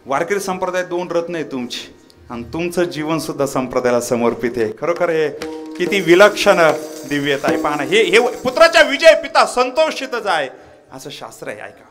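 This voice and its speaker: A man preaching a devotional kirtan to a live audience, quizzing them for quick answers and mixing scripture with humorous anecdotes. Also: on the high side, expressive, fairly bright tone, soft background music. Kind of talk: devotional kirtan sermon with audience call-and-response.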